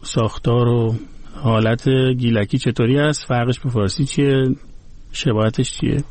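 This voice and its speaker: A man's voice: medium pitch, fairly even intonation, a little mellow. A man hosting a talk show, reading song lines aloud and translating them word by word. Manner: explains words slowly, reads lines aloud and translates them. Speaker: podcast host explaining Gilaki lyrics. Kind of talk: casual explanatory talk.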